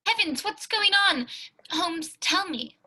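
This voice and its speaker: A woman's voice: extremely high pitch, expressive, slow, pushed and bright, heavily acted, rough recording. A woman playing a genial old English doctor who tells a mystery tale in an earnest, old-fashioned 1940s radio style. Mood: alarmed.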